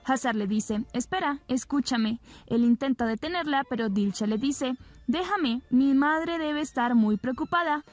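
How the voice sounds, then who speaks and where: A woman's voice: high voice, unhurried, faint music behind. A woman narrating a recap of a TV drama episode, retelling scenes and reading the characters' lines in her own plain voice. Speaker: soap opera recap narrator.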